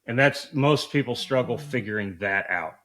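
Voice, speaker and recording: A man's voice: mid-range voice, moderate pace, fairly bright tone. A man giving conversational instruction as a coach, explaining things in an informal, colloquial way. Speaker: duck calling coach.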